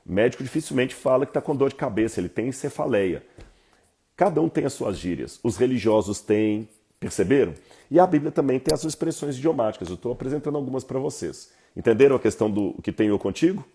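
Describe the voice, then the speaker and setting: A Brazilian man explains expressions to his viewers in a lively teaching talk. His voice is husky and mellow, and he keeps checking in with rhetorical questions. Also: medium pitch, fast talker. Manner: animated, asks listeners rhetorical questions. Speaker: Bible teacher.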